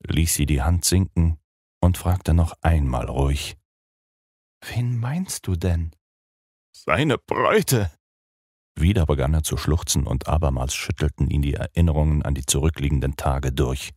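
Deep bass male narrator, measured storytelling, dry booth sound. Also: warm tone, dry recording. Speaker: audiobook narrator. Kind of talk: scripted narration of a gothic novel.

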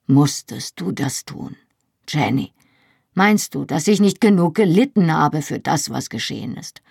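A bitter, anguished young man, his pained outbursts breaking through, as a woman reader voices him. The voice sits low and husky, recorded close and dry with no room around it. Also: animated, unhurried, a little mellow, no room sound, heavily acted.

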